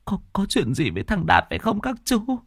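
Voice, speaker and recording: A man's voice: sits high, huge pitch swings, a little fast, a bit bright, slightly rough, no room sound, clean studio sound, voice pushed up, full character voice. A man voicing a frail old woman in a horror story, begging officials to help her son. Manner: trembling pleading.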